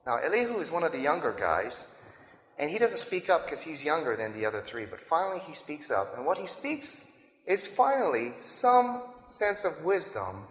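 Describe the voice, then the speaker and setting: A man's voice: on the high side, sing-song, normal speed, a bit bright, slight background noise. A man preaching a sermon in a loose, conversational way, often checking in with the listeners, in a large hall. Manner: conversational, keeps checking in with "right?" and "okay?". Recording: echoey hall reverb.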